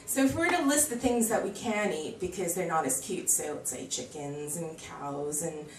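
Pitched on the low side and at normal speed, the voice belongs to an American woman in her thirties doing stand-up in a small bar comedy club. Slight background noise accompanies her animated, chatty delivery and acted-out quotes. Her handheld mic is recorded by a far camera, giving an echoey, distant sound.

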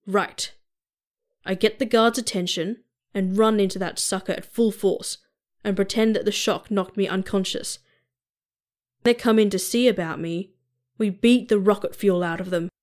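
A woman's voice: mid-range voice, fairly even intonation, moderate pace, close to an everyday voice. A woman voicing a hot-tempered burly space captain. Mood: gruff. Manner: barking, bellowing threats.

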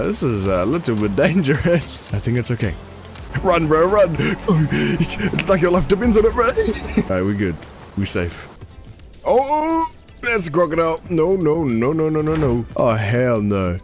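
A young man giving casual gameplay commentary, excitable and laughing often, peppering his talk with "bro". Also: mid-range voice. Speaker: gamer.

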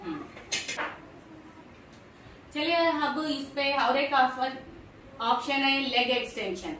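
A cheerful woman in her thirties walks viewers through machine exercises, her voice pitched high. The camera sits a few steps away in a bare, very echoey small room, so she sounds distant and boomy. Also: expressive, takes it slowly, a bit bright, a little hiss or hum. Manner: chatty, addresses viewers directly, upbeat. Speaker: fitness vlogger. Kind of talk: casual workout demonstration. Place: small home gym room, indoors.

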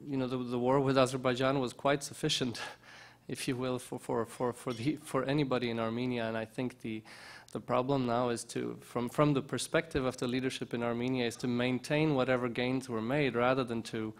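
A man's voice: medium pitch, flat delivery, brisk. A man in his forties speaking as a keynote speaker at a conference, answering questions hesitantly with many restarts, at a table microphone in a lounge.

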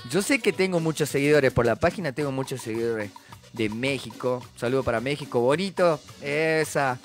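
A man's voice: medium pitch, normal speed, soft background music. A man with a Salta Argentine accent, chatting casually on a live stream, reading out viewer comments and greeting people with jokes. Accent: Salta Argentine Spanish. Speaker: musician hosting a live stream.

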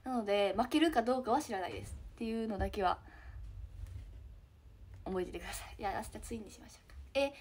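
A teenage girl with a Kansai accent chatting casually with fans on a live stream, giggly and trailing into soft murmurs. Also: on the high side, fast, pauses often, slightly rough. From Hyogo, Japan. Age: teens. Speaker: idol trainee streaming to fans.

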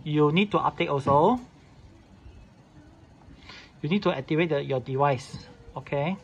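A man with a voice on the high side talks at a measured pace while hosting an informal, unscripted tutorial on setting up a device. He walks through each step in clipped, repetitive, non-standard English. The room recording is clearly noisy.

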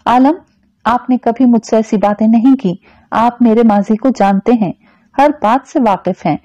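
A woman voicing a gentle, devoted young wife. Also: a little high, unhurried, dry recording, lightly acted. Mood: upset. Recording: dull, dry lo-fi recording.

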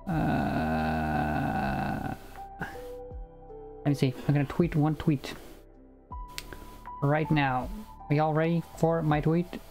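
A man's voice: on the high side, expressive, slow, gravelly, long pauses, darkish tone, soft background music. A young man whose first language is Icelandic, live-streaming programming and talking it through with many fillers and restarts, on a headset mic at home. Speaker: programming livestreamer. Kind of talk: casual live coding chat. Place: home room, indoors.

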